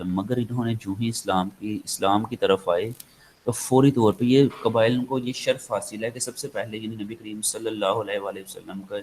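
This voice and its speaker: A man's voice: lowish voice, a little mellow, slight background noise, poor audio. A man with a Pakistani accent giving an online lecture, rambling with many fillers and slipping into English. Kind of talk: online lecture, casual explaining.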